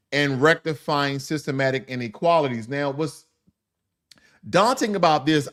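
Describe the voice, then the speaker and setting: A man hosts a news commentary show in a slightly higher-than-usual voice. He moves between read-out headlines and blunt, informal asides laced with mild swearing and mockery. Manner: mocking, laughs at his subject.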